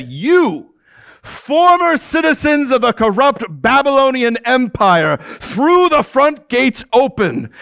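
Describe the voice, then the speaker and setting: Man acting as commanding ancient king, proud, chuckling, lively swooping delivery, dry close sound. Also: high-pitched, no echo, full character voice. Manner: commanding, with chuckles between statements. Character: proud middle-aged male Persian king addressing his subjects. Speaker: actor in a biblical character monologue. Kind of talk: theatrical first-person monologue.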